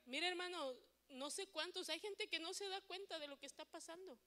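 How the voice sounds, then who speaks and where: High bright fervent woman preaching in church. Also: brisk, long reverb tail. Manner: fervent, pleading, emotional. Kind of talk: impassioned sermon and prayer. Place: church hall.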